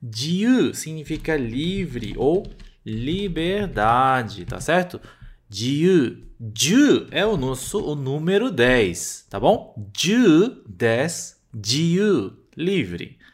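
Animated Brazilian man teaching Japanese. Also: on the high side, very slow. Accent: Brazilian Portuguese. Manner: patient, repeats words step by step, checks in with "tá?". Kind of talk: language lesson explanation.

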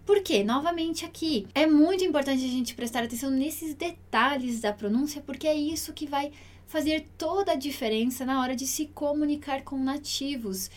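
A Brazilian woman with a high voice leads an online Italian lesson. She speaks patiently and clearly, slowing down to repeat each word for pronunciation. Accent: Brazilian Portuguese. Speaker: Italian teacher.

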